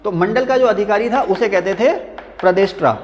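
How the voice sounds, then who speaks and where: Guy teaching history in class, pretty high voice, quizzes students then answers himself, jokes around, echoey hall sound. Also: fairly quick. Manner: repeats key answers as quiz-style questions; chatty, jokes with students between points. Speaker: history teacher at a coaching academy. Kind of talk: classroom lecture. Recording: long reverb of a hall-like classroom.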